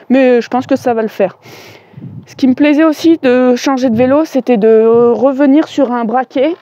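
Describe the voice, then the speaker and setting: A woman's voice: a little high, dark tone, dry recording. A woman giving a chatty, enthusiastic walkthrough of her bikes, with lots of fillers. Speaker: cycling vlogger. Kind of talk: casual bike walkthrough.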